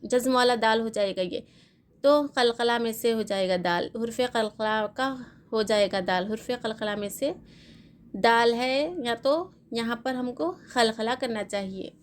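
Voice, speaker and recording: A woman teaching Quran recitation rules step by step, patiently repeating herself and asking and answering her own questions. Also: fairly high pitch. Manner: spells out letters slowly, syllable by syllable. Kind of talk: step-by-step tajweed lesson.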